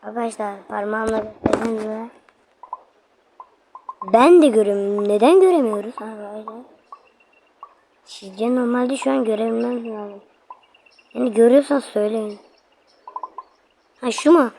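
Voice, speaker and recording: A woman's voice: fairly high pitch, moderate pace, long pauses. Chatty woman narrating gameplay, noisy recording. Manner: chatty, addresses viewers constantly, loud frustrated outbursts. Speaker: gaming video host. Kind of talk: casual gameplay commentary.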